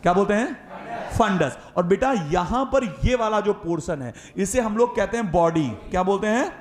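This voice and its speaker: High-voiced male biology teacher, echoey room. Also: lively intonation, moderate pace. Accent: Hindi-speaking north Indian. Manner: repeats questions and answers, calls listeners beta and sir. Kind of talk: classroom lecture with call-and-response drilling.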